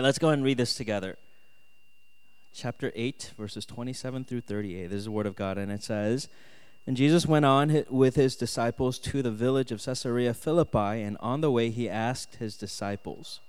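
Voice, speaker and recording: A Korean-born man who moved to the US at ten preaches to students, mixing scripture reading with personal testimony in a conversational way. His mid-range voice is clear and resonant at a moderate pace, and he keeps checking in with "right?" and "okay?". The hall is echoey with long reverb.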